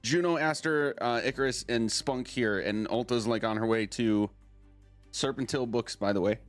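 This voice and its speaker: A man's voice: mid-range voice, normal speed. Man running a casual tabletop game. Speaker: game master. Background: faint music.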